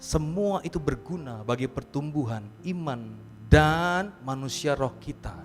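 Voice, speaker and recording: A male pastor with an Indonesian accent preaching to his congregation. He often acts out the complaints of churchgoers and rises to loud, high emphasis. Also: lively intonation, unhurried. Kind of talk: sermon. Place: church hall. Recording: reverberant church hall with music.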